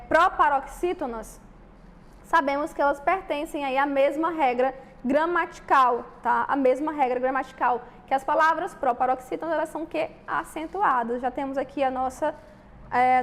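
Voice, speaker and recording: A woman's voice: high voice, normal speed, fairly bright tone. A woman with a Brazilian Portuguese accent teaching an exam-prep grammar lesson, explaining step by step and often checking in with her students.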